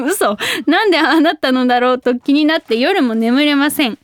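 A young woman hosting a radio show, chatting casually and reading listener mail with bubbly, excitable reactions. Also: high voice, no room sound, clean studio sound. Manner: bubbly, excitable, quick exclamations.

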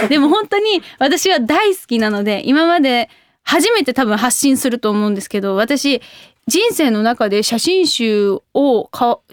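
A young woman hosting a radio show, chatting casually and reading listener mail with bubbly, excitable reactions. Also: on the high side, clean tone, no echo, studio quality. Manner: bubbly, excitable, quick exclamations.

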